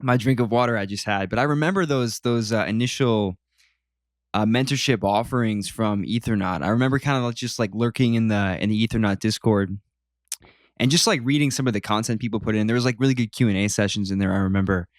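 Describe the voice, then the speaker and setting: A man's voice: on the low side, fast, no echo, studio quality. A man hosting a podcast, asking friendly, curious follow-up questions. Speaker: podcast host. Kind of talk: interview questioning.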